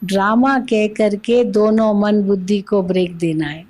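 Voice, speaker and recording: A woman's voice: medium pitch, fairly even intonation, unhurried, a little mellow. A woman giving a spiritual discourse at a microphone, explaining patiently with everyday examples. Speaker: spiritual teacher.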